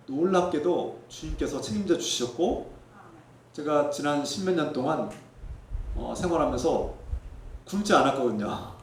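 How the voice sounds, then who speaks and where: A male pastor preaching a sermon in earnest tones, sometimes quietly reflective and sometimes emphatic. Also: distant mic, a little hiss or hum. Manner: softens to a low reflective tone for personal testimony. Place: church sanctuary. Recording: echoey church sanctuary.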